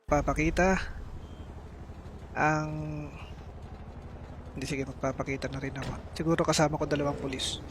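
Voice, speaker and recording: A man's voice: on the high side, fairly even intonation, moderate pace, long pauses, noisy background. A man playing a town mayor in a voice-chat role-play, talking in a bossy, commanding way. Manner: bossy and commanding, snaps when challenged. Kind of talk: in-character role-play over game voice chat.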